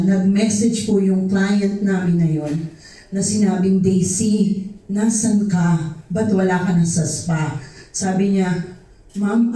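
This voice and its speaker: A woman's voice: medium pitch, mellow. A woman giving an earnest church testimony, mixing Tagalog with English. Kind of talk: emotional spoken testimony. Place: church hall. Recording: echoey hall from far off.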